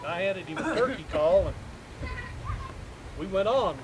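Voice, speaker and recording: A man's voice: sits high, animated, a little slow. A man telling a folksy hunting story at a campfire gathering outdoors. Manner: folksy rural yarn-spinning. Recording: loud outdoor noise. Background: outdoor noise.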